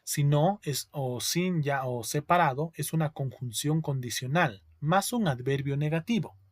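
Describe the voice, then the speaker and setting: A male teacher giving a spelling lesson, explaining slowly, repeating each word and checking in with his students. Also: fairly high pitch, no room sound, studio quality.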